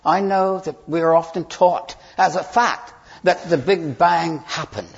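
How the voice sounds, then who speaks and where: A man delivers a sermon in a church, earnest and a little halting, leaning hard on key words. His voice sits fairly high and has a husky edge. The recording is dull and lo-fi. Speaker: preacher. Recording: dull, lo-fi sound.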